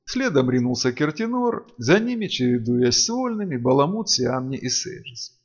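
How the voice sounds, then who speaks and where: A man narrating a fantasy audiobook in an expressive, sing-song reading style. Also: medium pitch, moderate pace, husky, lo-fi sound.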